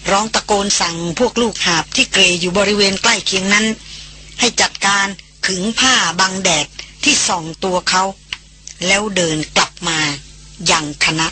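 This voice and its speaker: A woman narrating a novel in a measured, even way as an audiobook reader. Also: mid-range voice, slight background noise.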